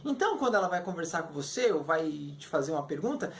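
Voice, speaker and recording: A Brazilian woman, a Portuguese native speaker, teaching English in a video lesson. She explains slowly and acts out short example phrases. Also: sits low, big pitch swings.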